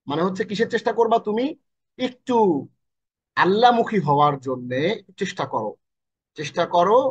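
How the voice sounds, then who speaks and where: A male Quran and Arabic teacher giving a recorded online lesson, explaining slowly and repeating each point in casual speech. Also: high-pitched, very animated, husky. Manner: explains slowly with repetition, colloquial. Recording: dull lo-fi audio.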